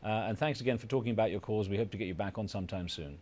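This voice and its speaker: Brisk fast-talking male host. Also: lowish voice, darkish tone, a little hiss or hum. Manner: brisk, introduces callers. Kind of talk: broadcast interview hosting.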